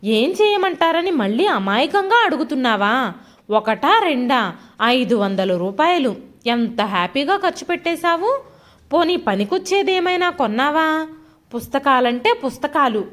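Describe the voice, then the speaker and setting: A bullying husband in a storybook drama, all contempt and ridicule, as a woman narrator plays him. His voice rides high and jumps about with scorn. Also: lively intonation, a little slow, a bit bright. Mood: angry. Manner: mocking, contemptuous. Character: scornful shouting male husband, middle-aged.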